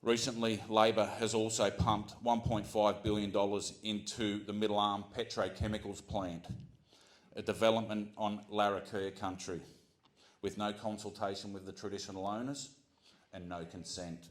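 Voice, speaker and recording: An Australian man giving an earnest prepared speech to a community gathering, often pausing with ums and restarting his sentences. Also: lowish voice, flat delivery. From Central Coast of New South Wales, Australia. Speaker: community speaker.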